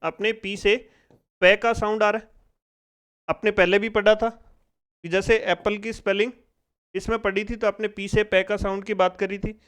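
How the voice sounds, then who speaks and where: A man's voice: high voice, little pitch movement, moderate pace, long pauses, fairly bright tone, clear, resonant tone. A man teaching a spoken phonics lesson in speech, asking the class questions and drilling each sound step by step. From India.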